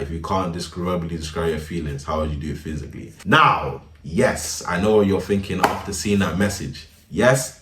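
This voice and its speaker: Deep-voiced young man, roomy. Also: fairly bright tone, recorded from a distance, a little hiss or hum. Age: young adult. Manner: laid-back slangy, laughs often. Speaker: storyteller. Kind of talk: casual storytime narration. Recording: roomy, a bit off-mic.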